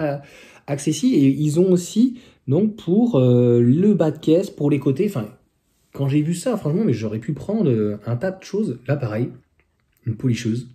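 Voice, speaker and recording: A man talks through car accessories in a loose, casual review. His voice is very dark and mellow, sitting at an ordinary pitch. He hesitates often and fills gaps with fillers and restarts. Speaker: electric car vlogger.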